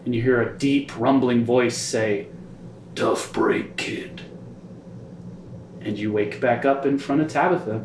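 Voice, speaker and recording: A man serving as game master, narrating a scene for his players in a calm storytelling way. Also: mid-range voice. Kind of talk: improvised tabletop game narration. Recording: echoey room, faint background noise.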